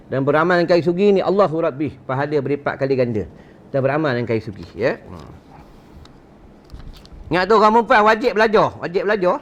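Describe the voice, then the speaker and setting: Very animated and fast but given to long pauses, a man with a fairly high voice and a Malaysian Malay accent teaches religion at a mosque gathering. He jokes, uses rhetoric, and tests his listeners with questions, and the lo-fi recording sounds dull.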